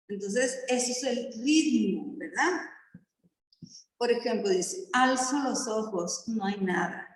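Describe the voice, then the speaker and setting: Patient woman teacher in an echoey classroom. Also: fairly high pitch. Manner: slow, patient explaining with frequent checking questions. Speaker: primary school teacher. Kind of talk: classroom lesson on poetry. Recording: echoey classroom with long reverb.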